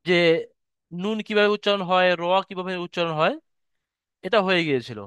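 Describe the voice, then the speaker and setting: A man teaching an online lesson on Arabic letter pronunciation, patiently repeating each sound slowly. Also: sits high, fairly bright tone, clean tone, dry recording. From West Bengal, India. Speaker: Quran recitation teacher. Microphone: video call.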